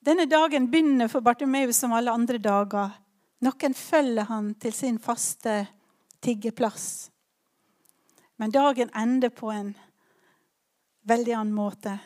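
Woman giving a sermon, fairly high voice, chatty storytelling with asides and ums. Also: pauses often, darkish tone. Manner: conversational, with personal asides and fillers. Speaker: preacher. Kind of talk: sermon retelling a Bible story.

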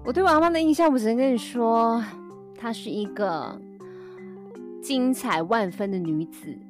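Co-host, young woman, Taiwanese Mandarin accent, animated anecdotes with acted voices. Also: fairly high pitch, moderate pace, faint music behind. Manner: animated storyteller who acts out quoted voices. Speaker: podcast co-host. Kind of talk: casual chat.

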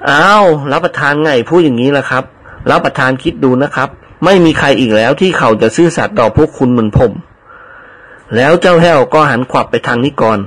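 A man's voice: medium pitch, a little fast, fairly bright tone, lightly acted. A man reading the part of a fawning, money-dreaming male servant, slipping a servile polite tic into every sentence. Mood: pleading. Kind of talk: audiobook character reading.

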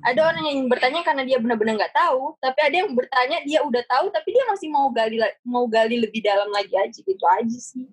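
Breathy young woman chatting casually. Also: sits high, fast, few pauses, no echo. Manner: relaxed, chatty, repeats herself, slangy. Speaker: guest. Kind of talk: casual podcast chat.

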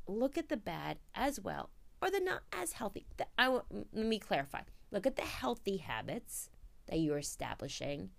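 A woman's voice: fairly high pitch, creaky. A woman hosting a solo motivational podcast, chatting casually and candidly in an informal, confiding way. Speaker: podcast host.

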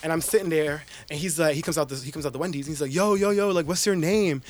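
A man casually telling a long personal story on a podcast, animated and slangy, peppered with 'like' and laughter. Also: on the high side, fast talker. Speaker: podcast guest.

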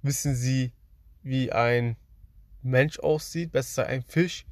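A man's voice: medium pitch, slow pace, a little mellow, no room sound, close to an everyday voice. A man voicing a polite female phone survey caller who asks questions formally and hesitantly, in a dry, close recording. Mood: questioning.

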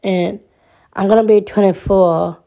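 A young woman in her twenties opens up in a subdued personal monologue. Her voice is dark and gravelly, and her delivery stays slow and flat. She stumbles, restarts and repeats words as she talks. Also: medium pitch. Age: 20s. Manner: subdued and troubled.

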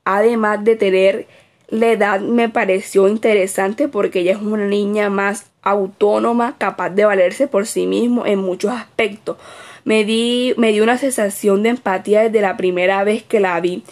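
A woman's voice: medium pitch, steady tone, moderate pace, darkish tone. A woman reading aloud her written observation report as a student observer, with small slips and self-corrections.

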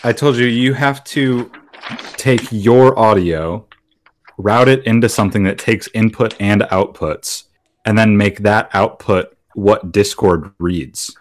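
A man's voice: on the low side, takes it slowly. A man co-hosting a podcast in casual chat, explaining tech setups patiently with jokes. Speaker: podcast co-host.

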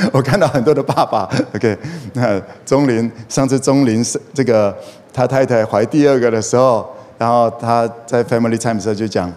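A man's voice: mid-range voice, darkish tone. A middle-aged man preaching to a congregation, telling stories with humor and asking for call-and-response. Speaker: pastor. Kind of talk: sermon with humorous storytelling. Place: church hall. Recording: echoey hall with faint noise.

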